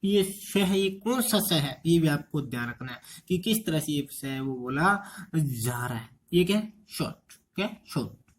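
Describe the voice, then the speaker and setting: In an exam-prep lecture on English transcription, an Indian man with a higher, animated voice speaks at a measured pace. He quizzes students, repeating rhetorical questions.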